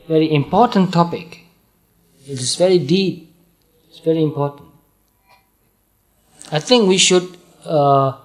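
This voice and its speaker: A man from Burma with a Burmese accent, giving a calm, patient dharma talk and repeating points slowly. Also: fairly high pitch. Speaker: Buddhist monk teacher.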